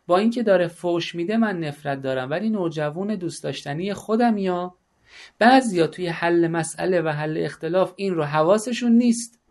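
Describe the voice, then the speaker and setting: A middle-aged man delivers a religious talk on family life in a fairly high voice. He speaks emphatically and with conviction, and now and then breaks into short acted-out exchanges between people. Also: lively intonation. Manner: emphatic, acting out quoted dialogue.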